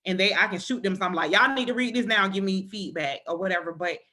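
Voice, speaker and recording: Woman gushing on a podcast, bright voice, chatty and animated. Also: medium pitch, fast talker. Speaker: guest author. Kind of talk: casual podcast chat.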